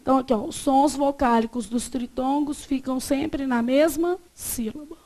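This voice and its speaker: A woman's voice: sits high, steady tone, moderate pace, warm tone. A woman with a Brazilian accent teaching a grammar class, asking the students to fill in words and repeating the answers. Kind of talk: classroom lecture.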